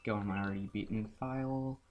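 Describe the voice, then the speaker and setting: A man's voice: lowish voice, steady tone, fast. A man giving casual, sarcastic commentary while playing a video game through a computer microphone, with mock-frightened asides. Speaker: let's play gamer. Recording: dull lo-fi with loud hiss.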